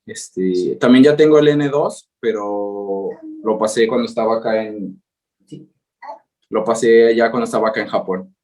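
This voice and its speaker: The recording is rough, carrying a lowish, slightly mellow male voice at a measured pace. He's a Mexican guest presenter in his thirties, accented, giving a hesitant, filler-heavy webinar talk by video call from home in Japan, where he works remotely.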